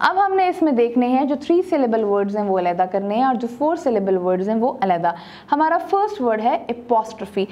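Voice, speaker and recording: A young woman leads a recorded textbook lesson, moving between Urdu and English. Her voice sits a little high, and she speaks slowly, drawing words out syllable by syllable so that students can follow the pronunciation. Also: darkish tone. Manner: slow, deliberate delivery that switches between Urdu and English; stretches out words syllable by syllable when showing pronunciation. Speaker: teacher presenting a textbook video lesson. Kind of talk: scripted video lesson.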